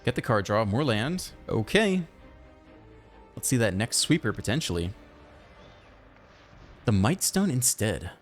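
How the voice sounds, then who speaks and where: A man giving casual, chatty commentary over his own card game, thinking aloud and breaking into excited outbursts. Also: lowish voice. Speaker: gaming channel host.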